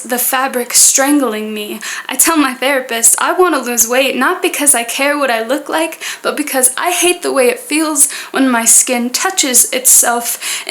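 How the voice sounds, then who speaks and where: A woman performing spoken word poetry in an earnest manner, with deliberate, poetic phrasing. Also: high voice, a bit bright.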